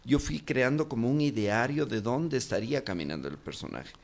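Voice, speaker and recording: A male actor with a Quito Ecuadorian accent talks loosely in an interview, his voice at an ordinary middle pitch. He rambles, restarting his sentences and filling the gaps with "eh" as he thinks aloud. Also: animated, brisk, vocal fry. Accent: Quito Ecuadorian Spanish. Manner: rambling, many fillers and restarts. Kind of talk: casual interview talk.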